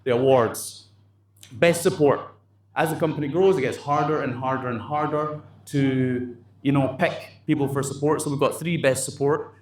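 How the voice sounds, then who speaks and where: A man's voice: medium pitch, fairly even intonation, moderate pace. A man leading a company staff meeting, blunt and motivational, swearing casually as he talks. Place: office meeting room, indoors. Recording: roomy echo with faint background noise.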